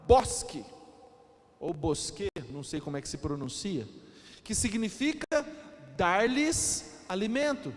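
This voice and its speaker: A Brazilian pastor with a high voice preaches slowly and with emphasis, acting out the quotes he reads. His voice rings through a church hall with a long reverb. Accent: Brazilian Portuguese. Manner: emphatic, explaining, acts out quotes. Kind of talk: sermon.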